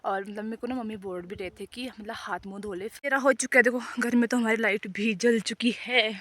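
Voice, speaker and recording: A woman's voice: a little high, fairly even intonation, brisk, fairly bright tone. A young woman vlogging casually in a rambling, chatty way while she walks a hill path outdoors. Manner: chatty and rambling, talks while walking uphill. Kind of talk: casual walking vlog.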